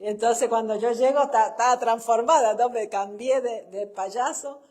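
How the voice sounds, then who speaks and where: Speaking at a normal speed in a slightly high, darkish voice, a middle-aged woman with a Chilean accent shares personal stories in a conversational sermon. As a pastor's wife and church speaker, she laughs at her anecdotes and tags phrases with "¿no?".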